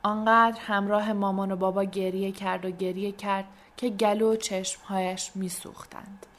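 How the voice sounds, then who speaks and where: A woman reading a children's storybook aloud in a soft, gentle way, sometimes dropping almost to a whisper. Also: medium pitch, flat delivery. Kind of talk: scripted storybook narration.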